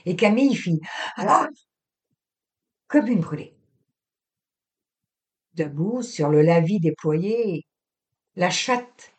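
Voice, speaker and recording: A woman reading a literary novel aloud in a measured, expressive way. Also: medium pitch. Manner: slow, measured, expressive delivery. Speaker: audiobook reader.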